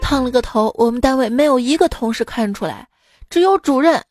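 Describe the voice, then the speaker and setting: A woman radio host with a slightly hoarse voice, telling jokes in a playful, dry, self-mocking way. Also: sits high, animated, a little fast, a little mellow, faint music behind. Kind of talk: casual comedic joke telling.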